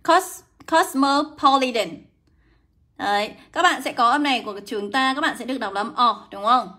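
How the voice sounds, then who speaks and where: A young woman teaching English in a live online lesson, brisk and coaxing, greeting viewers by name. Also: a little high, bright, forceful tone. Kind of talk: livestream lesson.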